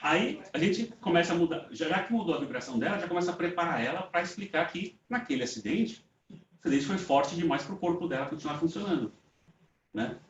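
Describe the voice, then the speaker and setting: A man with a Brazilian Portuguese accent and a slightly high, lively, brisk voice gives a conversational lecture to an audience in a meeting room. He tells stories casually, acts out the dialogue he reports and often ends phrases with a tag question, in a roomy, distant, dull lo-fi recording.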